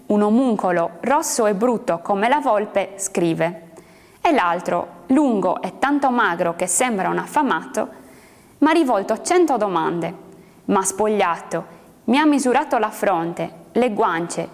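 A woman's voice: mid-range voice, expressive, measured pace. A woman voicing a male prisoner who tells what happened to him, recorded with a long reverb. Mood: bemused. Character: male prisoner, surprised and a bit ashamed.

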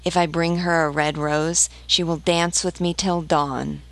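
A woman reading the part of a lovesick young male student from a storybook, in a slow, wistful way. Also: sits low, flat delivery, no room sound. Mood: longing.

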